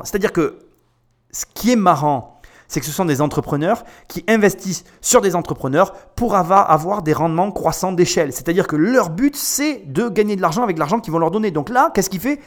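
Male host, chatty and emphatic, slightly high voice, casual commentary. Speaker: host commenting on a pitch show.

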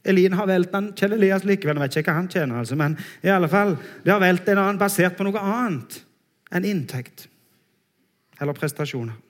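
A man preaching a sermon in a church, earnest and emphatic, slowing down on his key phrases. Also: sits high.

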